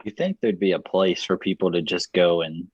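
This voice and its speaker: A man's voice: low-pitched, moderate pace, breathy edge, no echo, muffled recording. A young man co-hosting a casual podcast, making wry joking remarks. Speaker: podcast co-host. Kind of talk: casual chat.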